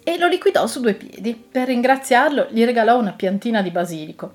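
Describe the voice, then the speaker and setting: A woman reading a children's story aloud in an expressive, gently lilting manner. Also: on the high side, fairly quick.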